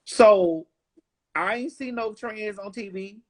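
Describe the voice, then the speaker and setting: A woman's voice: mid-range voice, takes it slowly. A woman in her forties giving an interview in a blunt, emphatic, profane way. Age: 40s. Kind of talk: casual interview chat.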